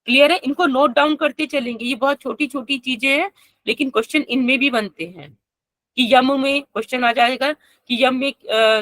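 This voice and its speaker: Woman yoga teacher, online class lecture, chants verses slowly, bright voice. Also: a little high, dry recording. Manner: explains step by step, asks students questions.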